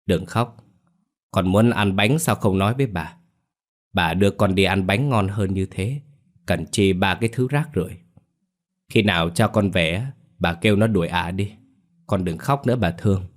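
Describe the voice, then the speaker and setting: Brief: scornful domineering old grandmother in an audio story, read by a man, low voice. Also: moderate pace, lightly acted. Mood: doting. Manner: mocking, scolding. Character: sharp-tongued elderly grandmother, scornful and domineering.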